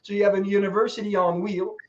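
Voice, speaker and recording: A man in his sixties tells motivational stories as a guest speaker, talking energetically, laughing in asides and acting out the voices of people he quotes. His voice sits high and fast, on dull lo-fi audio with a little hiss or hum.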